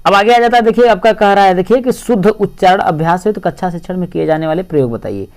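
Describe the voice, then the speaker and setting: High-voiced man explaining exam answers. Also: quick pace. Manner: repeats "देखिए" often, explains step by step. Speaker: teacher. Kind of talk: exam-prep lecture.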